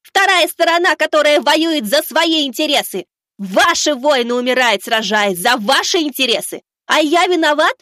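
A man voicing a stubborn, righteous young boy who shouts back in indignant defiance. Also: very high voice, animated, moderate pace, dry recording, clean studio sound, pitched above the performer's own voice, full character voice. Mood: furious.

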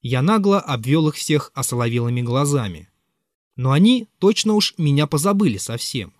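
A man narrating a classic novel as an audiobook with an expressive, bitter confessional tone. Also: medium pitch, moderate pace, dry recording, clean studio sound. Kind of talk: dramatic literary reading.

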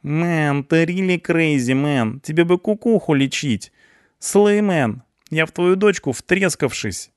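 A man reading an audiobook, voicing a young punk who talks in street slang and pleads excitedly. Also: on the high side, slow, smooth, no room sound, studio quality, voice pushed up. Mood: pleading excited.

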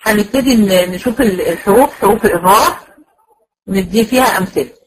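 A woman with an Egyptian accent giving a patient, explanatory recorded lecture to a class, drawing out example words slowly. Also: medium pitch, breathy edge, rough recording. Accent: Egyptian Arabic. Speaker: teacher.

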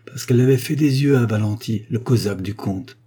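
Sullen young peasant husband, read by a man, blunt, low-pitched, husky, storybook. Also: fairly quick, mellow.

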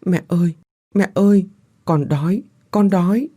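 Man doing a little ghost child, high wailing voice, pleading, horror story telling. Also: normal speed, warm tone, natural voice.

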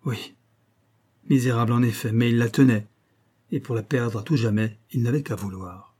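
Husky, dark-toned male audiobook narrator. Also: medium pitch. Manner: measured, literary narration. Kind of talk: reading a classic novel aloud.

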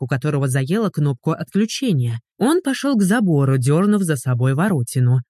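Expressive audiobook narrator, very lively pitch. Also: dry recording, clean studio sound. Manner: expressive, dramatic reading.

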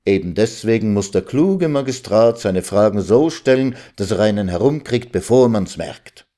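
A man with a lowish, mellow, animated voice lightly acts the part of a condescending old village lawyer. At normal speed, he lectures others on the law in a know-it-all manner.

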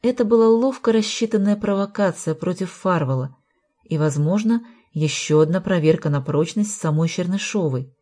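A woman reading a novel aloud in an even, measured narration. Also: lowish voice. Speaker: audiobook narrator. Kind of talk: scripted narration.

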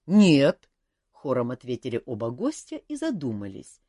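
Low-voiced woman narrating. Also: sing-song, moderate pace, a little mellow, dry recording, studio quality. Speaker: audiobook narrator. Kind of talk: scripted narration.

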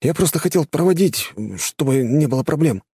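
Мужчина изображает горячего идеалистичного парня. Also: male voice, fairly high pitch, breathy edge, dry recording, studio quality, voice pushed up. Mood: earnest. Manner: eager, fast and lively. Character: earnest young man, idealistic fighter. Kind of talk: audiobook character voice.

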